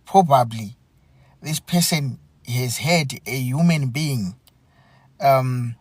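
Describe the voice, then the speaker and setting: A man hosting a live stream, speaking in an earnest, halting way and often repeating himself. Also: medium pitch, darkish tone, dry recording. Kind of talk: unscripted live commentary.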